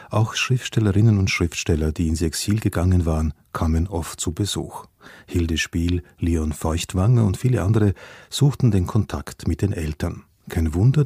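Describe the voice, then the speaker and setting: A man narrating a scripted radio feature in a measured, formal manner. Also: low-pitched, mellow, breathy edge, no room sound, studio quality.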